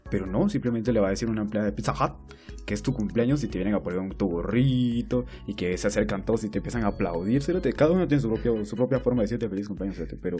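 A man's voice: fairly low pitch, very fast, mellow, faint music behind. A young man with a Guatemalan accent co-hosting a podcast, trading crude, slang-heavy jokes and laughing often. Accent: Guatemalan Spanish. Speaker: podcast co-host. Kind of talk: casual chat.

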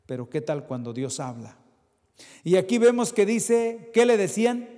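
A male preacher reading scripture and questioning the congregation, moving between loud emphasis and quiet asides. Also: high voice, big pitch swings, moderate pace. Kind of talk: sermon with Bible reading. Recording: long hall reverb.

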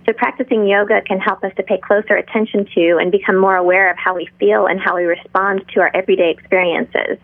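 A middle-aged woman speaking in a calm, measured, instructional manner, like a yoga teacher guiding a class. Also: medium pitch, no echo. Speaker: yoga instructor, interview guest. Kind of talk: interview talk with guided breathing and pose instruction. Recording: tinny narrow phone-like line.

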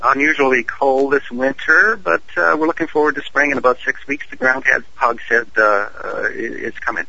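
A man's voice: mid-range voice, moderate pace, gravelly, hardly any pauses, sharp tone, no echo, muffled recording. A man being interviewed as an actor guest over a call, genial and joking. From Canada. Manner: genial, joking, chatty with fillers. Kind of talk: casual interview chat. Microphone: phone call.

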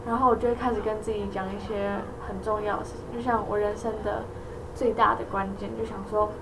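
A woman's voice: medium pitch, level tone, brisk. A woman chatting casually as a partner in a language exchange. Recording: distant microphone, clearly noisy background.

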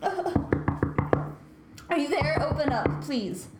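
A woman's voice: sits high, animated, extremely slow, loud music behind the voice, pitched above the performer's own voice, exaggerated voice. Woman playing a frantic, easily overwhelmed young woman. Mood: distressed. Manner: frantic and dramatic. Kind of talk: improv comedy scene. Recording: roomy echo, faint noise.

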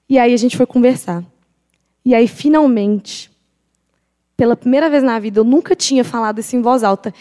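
Young woman, high voice, emphatic testimony, long hall echo. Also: a little mellow. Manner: emphatic, confessional, repeats phrases for weight. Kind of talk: personal faith testimony.

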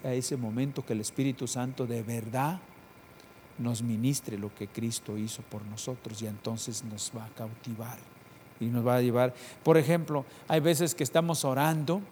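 A man preaching a sermon, swinging between loud emphatic calls and quiet prayerful passages, repeating phrases for emphasis. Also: medium pitch, a little hiss or hum.

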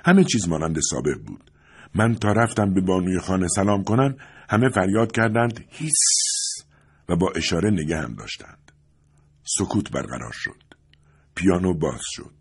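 Brief: male audiobook narrator, low and husky, measured and expressive. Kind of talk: audiobook reading of a novel.

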